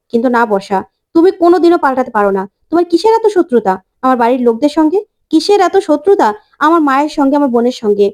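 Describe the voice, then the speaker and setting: Angry young husband, played by a woman narrator, indignant, soft-toned. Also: sits high. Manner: forceful, indignant. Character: angry young husband confronting his wife.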